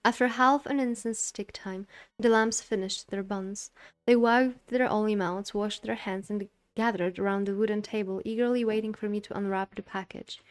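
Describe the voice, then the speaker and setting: A woman reading a game's story text aloud, with occasional asides, over soft music. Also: mid-range voice, fairly even intonation, normal speed, smooth. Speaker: reader of a visual novel.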